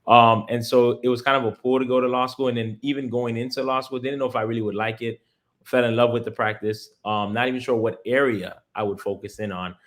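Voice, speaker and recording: An interview guest in his thirties from Miami, United States, speaks with an American accent, explaining things earnestly and step by step in casual language. His voice is mid-range and a bit bright, fairly quick and fairly even in intonation.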